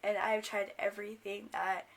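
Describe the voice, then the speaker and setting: A young American woman tells a story in an informal, rambling way. Her voice is fairly high but croaky and creaky, with a smoker's rasp brought on by a cold. She talks casually and swears freely. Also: measured pace, a bit bright, a little hiss or hum. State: sick with a cold, coughing. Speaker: video blogger.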